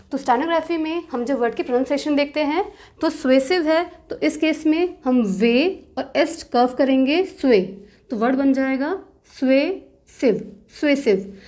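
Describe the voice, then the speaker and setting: A woman teaching shorthand step by step, patiently repeating rules and slowly drawing out example words, with terms. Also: high-pitched, a little mellow. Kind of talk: step-by-step tutorial explanation.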